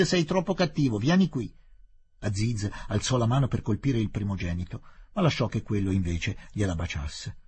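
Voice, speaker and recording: A man reads a classic novel aloud in an expressive, measured way. His voice is breathy and husky, and his pitch moves freely through the lines. The reading is steady and literary.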